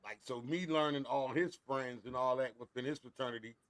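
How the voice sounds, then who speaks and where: A podcast host in his forties chats casually, swearing freely and laughing often as he tells stories and does loud, mocking voices of elders. His medium-pitched voice moves fairly quickly, with no echo.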